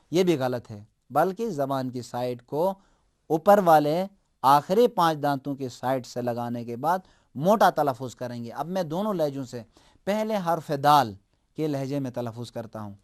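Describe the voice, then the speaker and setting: A man teaching Quran pronunciation, explaining each letter calmly and then chanting example words in long, stretched-out tones. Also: fairly high pitch. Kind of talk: tajweed lesson with drawn-out recited examples.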